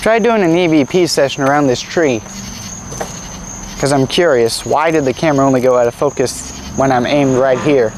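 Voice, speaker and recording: A man's voice: mid-range voice, normal speed, low-quality recording. A man working a camera, chatting casually during a ghost hunt. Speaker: camera operator. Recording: outdoor recording with crickets, faint noise.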